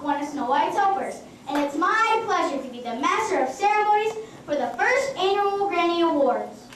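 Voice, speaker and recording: Dwarf emcee guy by a woman, super high voice, really echoey hall. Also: fairly bright tone, distant mic, a little hiss or hum. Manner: announcing, formal. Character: fussy male dwarf master of ceremonies.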